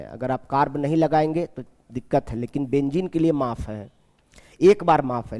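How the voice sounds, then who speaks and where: Mellow-voiced man teaching chemistry, echoey room. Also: medium pitch. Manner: repeats key names slowly and asks the class questions. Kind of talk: classroom lecture.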